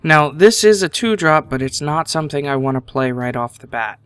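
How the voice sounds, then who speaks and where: This man's voice is a little high, animated, and a bit bright, with a clear, resonant tone despite slight congestion from a sinus infection. He commentates his card game match casually, thinking aloud at an unhurried pace.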